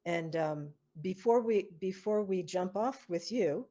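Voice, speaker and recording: Hosting an online interview for a foundation, this woman has a warm, medium-pitched voice and a measured pace. Her speech is full of fillers and repeated words as she keeps affirming her guest.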